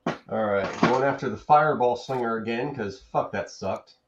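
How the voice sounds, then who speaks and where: A man acting as game master, calmly making rulings in a tabletop game over voice chat. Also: medium pitch, moderate pace, lo-fi sound, background noise.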